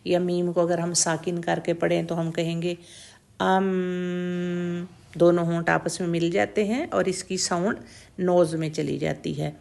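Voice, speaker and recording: A woman teaching tajweed pronunciation, slowly and patiently demonstrating each letter sound over and over and checking that the learner follows. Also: fairly low pitch, little pitch movement, gravelly, darkish tone. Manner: mixes English words into Urdu, checks in with "theek hai?". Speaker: Quran recitation teacher.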